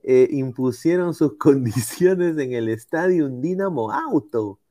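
A man's voice: medium pitch, animated, unhurried, mellow, no room sound. Peruvian man in slangy sports banter, close dry sound. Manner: slangy, conversational. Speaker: sports talk show co-host.

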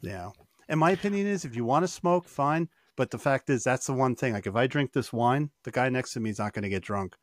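Animated male podcast co-host. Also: mid-range voice, a little fast, no room sound, studio quality. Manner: animated storytelling, swearing. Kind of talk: casual chat.

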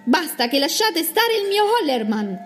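A woman doing a loud, fearless young hero. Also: very high-pitched, sing-song, normal speed, faint music behind, pitched above the performer's own voice, full character voice. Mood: bold. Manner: brash, scolding and mocking. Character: fearless, cocky young man, brash and loud. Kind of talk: children's storybook reading.

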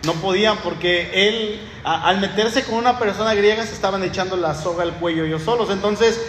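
Speaking a little fast in a high, fairly bright voice, this man teaches from the Bible in a conversational, storytelling sermon full of restarts. His accent is Mexican Spanish. A long-reverb hall echo, faint ambience and a touch of hiss or hum fill the recording.

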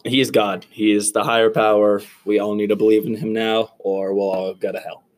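A man's voice: on the low side, brisk. A man appearing as a guest on a casual podcast, answering reluctantly. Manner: reluctant, flat delivery.

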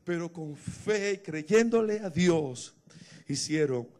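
A man preaches a sermon in a high, bright-sitting voice. He tells the story at a conversational level, then climbs into emotional, shouted declarations. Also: lively intonation, takes it slowly. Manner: emotional, builds to shouting exclamations.

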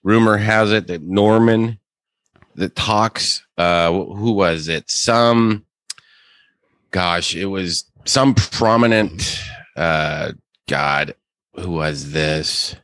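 Male co-host, low voice, dry close mic, reads golf news casually with asides. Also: very slow, fairly bright tone, no echo. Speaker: podcast co-host.

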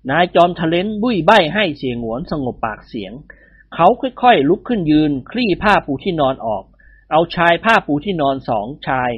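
Narrator, storybook reading, husky voice, lively pitch, dry dull recording. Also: moderate pace, dry recording.

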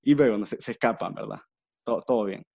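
A man's voice: fairly low pitch, fast talker, gravelly, mellow, no echo. A man, co-hosting a podcast and retelling a film plot casually, acting out quoted lines and laughing often. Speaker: podcast co-host.

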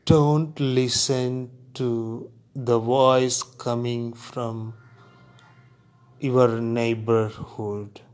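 A man leads a guided meditation in a calm voice at a medium pitch. His delivery is extremely slow and deliberate. Short phrases are set apart by long, unhurried pauses, in the measured style of relaxation instruction.

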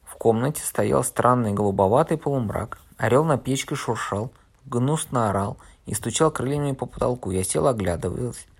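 A man's voice: medium pitch, normal speed, vocal fry, slightly rough. A man narrating an audiobook in the first person, telling the story steadily. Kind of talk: audiobook reading.

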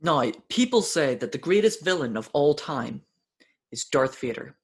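An excitable man co-hosting a casual podcast, stammering through restarts and cursing as he reviews an episode. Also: on the high side, normal speed, vocal fry. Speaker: podcast co-host.

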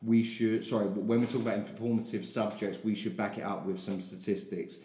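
A man with a softened South London English accent hosting a podcast in casual, blunt, sweary chat. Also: lowish voice, fairly even intonation, a little fast. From South London, England. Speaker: podcast host. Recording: roomy, echoey.

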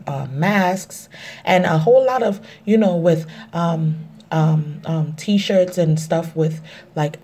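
Female podcaster, slow and relaxed, chatting alone in an echoing bathroom. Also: sits low. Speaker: podcast host. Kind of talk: casual solo podcast talk. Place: small indoor bathroom, recording alone. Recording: echoey bathroom with background noise. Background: background noise.

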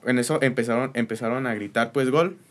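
Halting man recounting a story. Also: mid-range voice. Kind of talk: casual chat.

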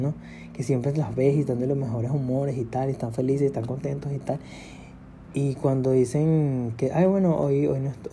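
A young man speaks in a very dark, mellow voice, rambling candidly through an unscripted podcast monologue. He sounds low in spirits and often laughs at himself. Faint guitar music plays underneath. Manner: candid, rambling, self-deprecating with frequent laughs. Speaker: podcast host.

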